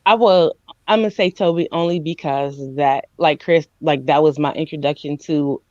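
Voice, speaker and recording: Excitable woman reviewing movies, muffled and dry. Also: low-pitched, moderate pace, no room sound. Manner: excitable, acts out scenes with squealing quoted voices. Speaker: podcast co-host. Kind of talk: casual movie review chat.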